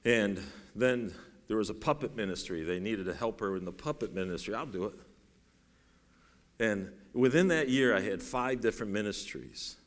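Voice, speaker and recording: In a church sanctuary, a middle-aged man with a bass voice preaches a sermon at a moderate pace, folksy and self-deprecating at first before building to raised, urgent preaching. Long reverb from the large hall surrounds his voice.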